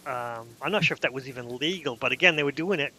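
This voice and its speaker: A man's voice: medium pitch, fast, sharp tone. A man in casual podcast chat, telling rambling anecdotes full of restarts. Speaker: podcast host.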